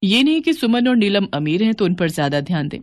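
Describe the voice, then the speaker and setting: A woman's voice: mid-range voice, no echo. Woman narrating a moral story, dry voice. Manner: even, measured storytelling.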